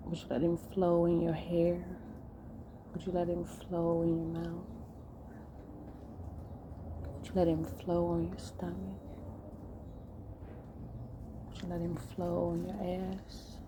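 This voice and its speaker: A woman's voice: on the low side, completely flat delivery, measured pace, pauses often. A woman vlogger talking to her viewers, throwing one rhetorical question after another at them. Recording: noisy background.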